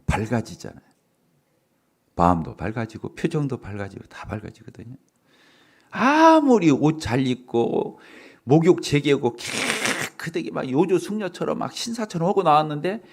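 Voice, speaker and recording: A middle-aged man preaching in a church, with a pitch that rises and falls a great deal as he talks. He asks the people in front of him questions and breaks into laughter often. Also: darkish tone, breathy edge. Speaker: pastor. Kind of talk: sermon. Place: church sanctuary.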